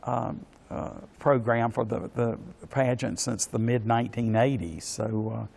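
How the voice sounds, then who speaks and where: A man answers as an interview guest. His pitch is average. He is courteous and formal, and hesitates often, repeating words as he searches for the next phrase. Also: steady tone, vocal fry, a little mellow. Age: 60s. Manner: halting and hesitant, with many pauses and repeated words. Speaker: interview guest, pageant organization official. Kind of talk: polite spoken interview answers.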